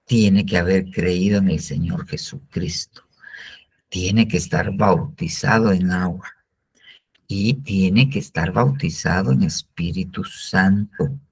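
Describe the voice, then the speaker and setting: A man's voice: low voice, slow, vocal fry, darkish tone, breathy edge. A man with a Guatemalan Spanish accent teaching a Bible discipleship class, repeating phrases for emphasis.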